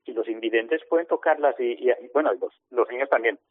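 A male archaeologist interviewed over the phone on the radio, speaking haltingly with frequent restarts. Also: mid-range voice, dry recording. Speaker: municipal archaeologist. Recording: tinny phone line.

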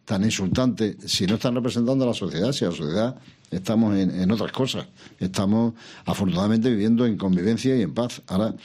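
An older man answering interview questions about politics in a measured, reflective way, pausing and restarting, asking himself questions. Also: fairly low pitch, a little mellow, breathy edge. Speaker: interview guest, former regional president.

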